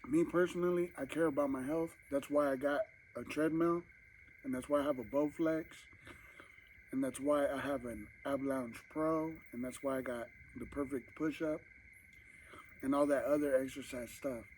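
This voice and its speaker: A man's voice: mid-range voice, fairly even intonation, moderate pace, a little mellow, slight background noise, rough recording. A man vlogging casually to camera while eating, rambling and talking with his mouth full, at home at night. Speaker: mukbang vlogger.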